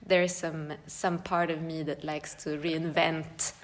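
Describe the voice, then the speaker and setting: A Swedish choreographer and dance teacher with a Swedish accent chats as a guest on a casual podcast in a large room. Her voice is low-pitched, level and unhurried. She's thoughtful, searching for words and laughing often.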